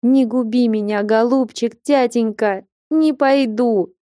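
Young merchant's daughter, tearful but defiant; a woman reads her in a warm, mellow storybook voice. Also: a little high, no echo, studio quality, pitched above the performer's own voice. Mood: pleading. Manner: pleading, then firm and measured.

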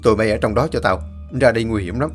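A man's voice: fairly low pitch, fast talker, soft background music, close to an everyday voice. A man voicing a blunt, scolding older uncle who is an exorcist. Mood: gruff.

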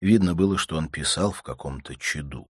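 A man narrating a classic novel as an audiobook, in an expressive storytelling manner. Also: rumbling low, a little fast, husky, no room sound, studio quality.

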